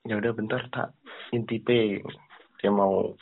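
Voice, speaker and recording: A man's voice: fairly low pitch, level tone, slow pace, gravelly, slight background noise. A man chatting on the phone as a caller, telling a story and acting out the voices of the people in it. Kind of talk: casual storytelling over the phone. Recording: tinny phone line.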